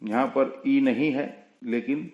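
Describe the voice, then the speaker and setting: A man teaching a spoken language lesson, explaining slowly and patiently and spelling words out letter by letter. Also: mid-range voice, fairly even intonation, darkish tone, roomy sound, rough recording. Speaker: English teacher.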